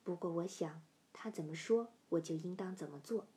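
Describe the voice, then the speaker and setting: A middle-aged woman telling a first-person story, sinking to hushed whispers in tense parts. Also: on the low side, moderate pace. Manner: dropping to hushed whispers in suspense.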